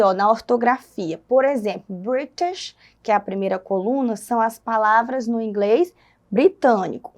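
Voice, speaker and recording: A woman's voice: a little high, darkish tone. A Brazilian woman teacher with a Brazilian Portuguese accent, explaining a recorded lesson step by step and asking the class questions.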